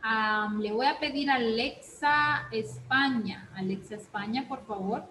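Slow high-voiced woman teacher. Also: pushed and bright, echoey room, slight background noise, rough recording. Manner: slow, repeats "¿ok?" often, switches between Spanish and English. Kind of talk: online class instruction.

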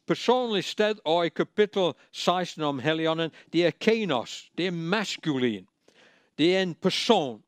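High-voiced preacher man, emphatic. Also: no echo. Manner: emphatic, repeats key phrases, plain and direct. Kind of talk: sermon.

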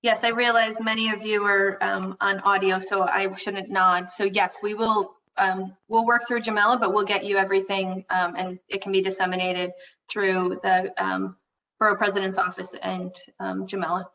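A woman's voice: mid-range voice, level tone, normal speed, pushed and bright, far from the mic, muffled recording. A woman, a city official, reassuring board members with many fillers at a video call meeting. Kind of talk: answering questions at a public meeting.

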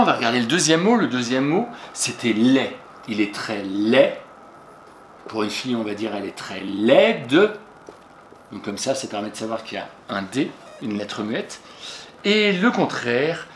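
A man's voice: mid-range voice, fairly bright tone, a little hiss or hum. A male teacher patiently going over exercise answers for a young pupil, speaking to them directly and spelling words out letter by letter. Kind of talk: classroom lesson correction for young pupils. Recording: echoey room.

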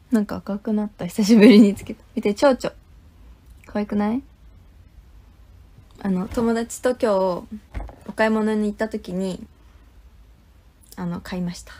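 A young woman in a casual livestream chat, speaking haltingly and trailing off softly at the ends of phrases. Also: mid-range voice. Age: young adult. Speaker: idol group member, livestreamer. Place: small indoor room with curtains.

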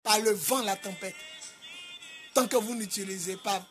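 A man with an Ivorian French accent preaching a sermon in a sing-song cadence, rising to loud shouted commands. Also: high voice, measured pace, over music. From Côte d'Ivoire. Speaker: apostle preacher.

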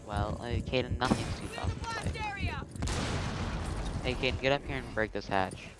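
A man's voice: medium pitch, huge pitch swings, moderate pace, heavy background noise. A man chatting casually with a friend while gaming, in a teasing, argumentative way. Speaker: gamer.

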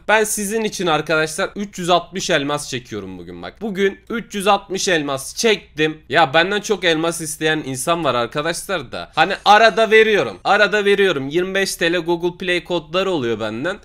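A man hosting a gaming channel, chatting casually and excitably over his gameplay and quickly venting his frustration. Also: high-pitched.

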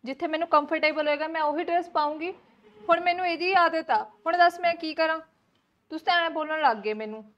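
ਇੱਕ ਔਰਤ ਪੰਜਾਬੀ ਲਘੂ ਫ਼ਿਲਮ ਵਿੱਚ ਜ਼ਿੱਦੀ, ਸ਼ਹਿਰੀ ਨੂੰਹ ਦਾ ਕਿਰਦਾਰ ਨਿਭਾ ਰਹੀ ਹੈ, ਜੋ ਜ਼ੋਰ ਦੇ ਕੇ ਸ਼ਿਕਾਇਤਾਂ ਕਰਦੀ ਹੈ।. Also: female voice, very high-pitched, fast talker, fairly bright tone, dull audio. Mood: defiant. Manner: insistent, complaining, argumentative. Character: young city-bred woman, stubborn and demanding. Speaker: new daughter-in-law. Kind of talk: Punjabi short film acting.

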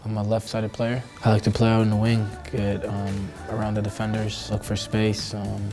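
A low-voiced man from Costa Rica answers questions in a seated studio interview, his voice staying level with little rise or fall. He hesitates often, restarting phrases and filling gaps, and faint music plays behind him. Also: monotone, normal speed. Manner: hesitant, many fillers and restarts. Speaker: professional soccer player. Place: indoor studio backdrop.

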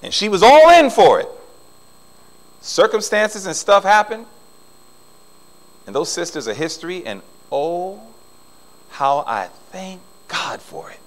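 A middle-aged man preaches from the pulpit with a voice that leaps up and down in pitch. He sits a little high for a man and swings between ringing emphasis and quiet, almost confiding asides. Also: very animated, slow, pauses often, rough recording. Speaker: pastor. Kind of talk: sermon. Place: church sanctuary.

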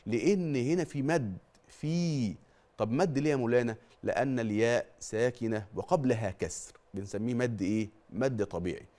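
A man's voice: mid-range voice, dark tone. A man with an Egyptian accent teaching Quran recitation on a religious TV lesson, asking questions and answering them himself. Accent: Egyptian Arabic. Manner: draws out example words slowly to demonstrate.

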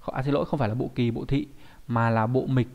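A man's voice: medium pitch, steady tone, fast talker, creaky, darkish tone. Chatty man teaching kanji. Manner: chatty, keeps asking students rhetorical questions. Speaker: Japanese language teacher. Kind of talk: online kanji lesson.

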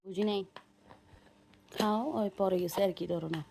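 A woman's voice: medium pitch, measured pace, creaky. Young mother coaxing a toddler in sing-song. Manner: sing-song, gently scolding baby talk.

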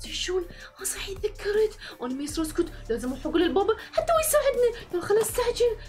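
Very high-pitched woman. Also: big pitch swings, very fast, darkish tone. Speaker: channel host playing herself. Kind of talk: Minecraft machinima voice acting.

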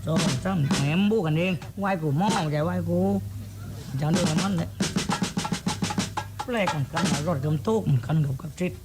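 A man's voice: on the high side, normal speed, pauses often, over loud music, natural voice. A man voicing a coarse rustic clown in a shadow-puppet comedy, bantering in silly slapstick fashion with a southern Thai accent. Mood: bickering, silly. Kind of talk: comic shadow-puppet dialogue.

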